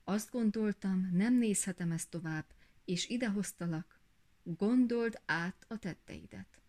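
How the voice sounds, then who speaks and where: A woman voicing a stern, watchful dragon who speaks slowly and firmly. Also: medium pitch, darkish tone, close to an everyday voice.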